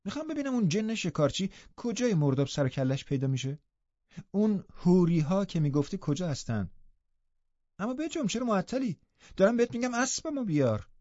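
A man's voice: a little high, sing-song, pauses often, mellow, no echo, pitched above the performer's own voice. A haughty, spoiled young girl, as a male reader puts her on in an audiobook, with a raised, bossy voice. She snaps orders indignantly and slips into tearful upset. The recording sounds slightly muffled. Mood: imperious. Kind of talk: audiobook character voice.

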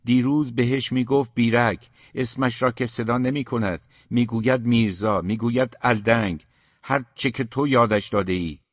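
A man reading an audiobook voices a distraught middle-aged mother, raising his pitch into pleading, indignant lines. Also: fairly even intonation, dry recording, lightly acted. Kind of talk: audiobook character voice. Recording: dull, muffled dry recording.

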